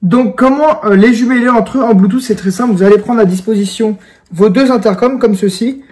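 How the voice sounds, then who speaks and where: Brisk and a little mellow, this young adult man's high voice carries an informal product tutorial that he presents to viewers directly. As a video creator, he records it inside a room at home.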